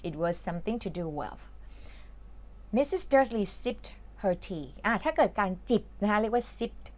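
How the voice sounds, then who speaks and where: A woman from Thailand teaches English, walking patiently through a reading lesson. She talks in an unhurried, chatty way and leans on plenty of fillers. Her pitch sits in a medium range. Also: expressive.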